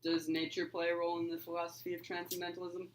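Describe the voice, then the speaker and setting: A man's voice: fairly high pitch, completely flat delivery, fast, a little hiss or hum, rough recording. Hesitant young male interviewer. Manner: asks questions with hesitant uhs and restarts. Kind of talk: amateur mock interview.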